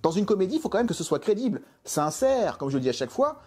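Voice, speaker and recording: Exasperated, a man rattles off an opinionated film review full of rhetorical questions, his high, husky, mellow voice swinging widely in pitch. He talks fast and is very animated, with faint music playing underneath.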